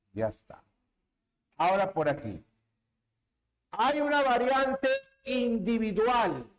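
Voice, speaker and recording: A man's voice: extremely high pitch, slight background noise. A man teaching a language lesson, repeating key terms and checking understanding with rhetorical questions. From Peru. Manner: drawn-out emphatic stresses on terms. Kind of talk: classroom lecture on linguistics.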